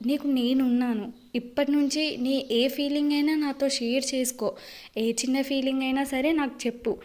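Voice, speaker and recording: A doting young husband who coaxes and reassures in a soft, affectionate tone, as a woman narrator reads him. The voice stays high, the way a single reader carries every part of a romance story. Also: close to an everyday voice. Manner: soothing, affectionate delivery. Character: young husband, tender and coaxing, gently teasing. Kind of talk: audiobook character reading.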